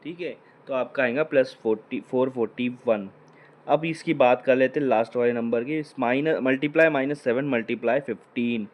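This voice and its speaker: Man, maths teacher, step-by-step, repeats questions and answers them himself, mid pitch. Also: a little slow, muffled recording. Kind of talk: whiteboard maths lesson.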